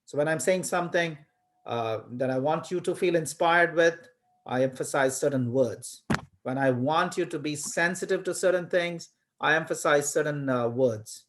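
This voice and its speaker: A man's voice: fairly high pitch, moderate pace, a bit bright. A man from India, a college lecturer giving an online class on a video call, talking with emphasis and many fillers and repeated words. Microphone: webcam on video call.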